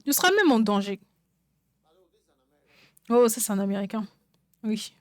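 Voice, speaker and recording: A woman's voice: medium pitch, expressive, unhurried, no echo. A woman preaching a sermon, emphatic and repeating phrases for stress. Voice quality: songwriter speaking of her own songs.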